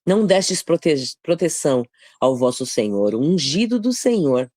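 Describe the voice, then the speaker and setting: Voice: medium pitch, sing-song, unhurried, a little mellow, dry recording, studio quality. Um leitor interpretando guerreiro bíblico jovem, tom de repreensão, enfático, voz escura, som seco, sotaque brasileiro. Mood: reproachful. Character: biblical young warrior taunting a general. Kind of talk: retelling a Bible scene in a study group.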